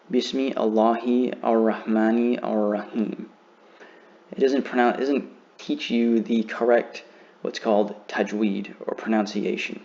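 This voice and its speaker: Male teacher, low voice, slow careful beginner lesson, muffled recording. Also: gravelly, a little mellow. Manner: slow, careful demonstration of pronunciation.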